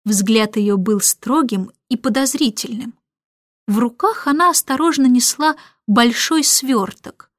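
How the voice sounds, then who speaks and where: A woman's voice: on the high side, a little slow, dry recording. Woman narrating a storybook, dry sound. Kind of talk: scripted audiobook narration.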